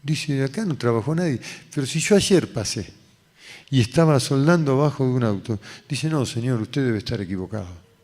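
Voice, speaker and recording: Argentine pastor preaching in a reverberant hall. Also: male voice, mid-range voice, lively intonation, moderate pace, a little mellow. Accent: Argentine Spanish. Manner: storytelling, acting out dialogue with raised voice. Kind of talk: sermon testimony. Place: church hall.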